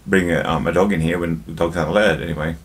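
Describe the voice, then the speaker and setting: Deep-voiced chatty man reviewing drinks. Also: fairly even intonation, fast. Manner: chatty, jokey, addresses viewers as "my people". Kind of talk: casual drinks review vlog.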